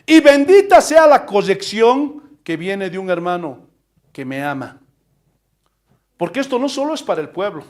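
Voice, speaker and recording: Man, pastor, high voice, fervent emphatic sermon. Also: big pitch swings, unhurried. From Bolivia. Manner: impassioned, emphatic preaching with rhetorical questions.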